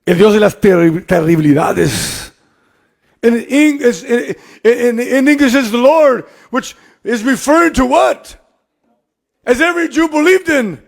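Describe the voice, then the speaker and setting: A pastor delivers a bilingual sermon in a high, gravelly voice. He repeats key phrases and climbs to emphatic, shouted peaks as he preaches. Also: takes it slowly. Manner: switches between English and Spanish, repeats phrases, rising to emphatic shouts.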